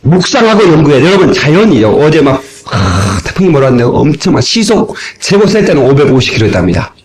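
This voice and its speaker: Animated Korean pastor preaching a sermon. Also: male voice, a little high, fast, low-quality recording. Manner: animated preaching with acted-out dialogue and shouts. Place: church sanctuary. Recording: old cassette tape sermon recording.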